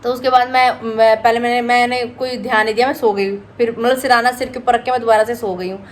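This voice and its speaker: A woman vlogging at home, chatting casually to camera and retelling her day in an animated way. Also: on the high side, fairly quick, a little hiss or hum. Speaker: vlogger, host of a family daily vlog.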